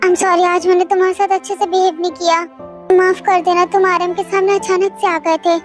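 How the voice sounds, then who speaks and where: A woman's voice: very high voice, little pitch movement, fairly quick, soft background music. A woman voicing an anxious young married woman who apologizes, in a fan drama dub. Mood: guilty. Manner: guilty, apologetic.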